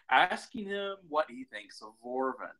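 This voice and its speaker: A man's voice: fairly high pitch, sing-song, takes it slowly, pushed and bright, a little hiss or hum, low-quality recording. A man playing a tabletop game, talking in a chuckling, conspiratorial way. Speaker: player. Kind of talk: casual in-character banter.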